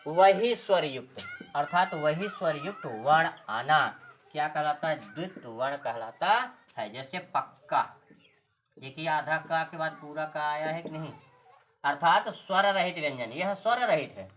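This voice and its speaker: A woman's voice: low voice, lively intonation, measured pace, muffled recording. A woman teaching a grammar lesson, repeating key terms and answering her own questions. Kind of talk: classroom-style grammar lesson.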